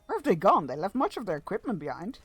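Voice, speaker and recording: A male game streamer chats sarcastically through a quest, his voice fairly high and swinging widely in pitch. He swears, reads the quest lines aloud, and sits close to a dry, deadened mic. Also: huge pitch swings, quick pace, slightly rough, no room sound. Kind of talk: casual live-stream commentary.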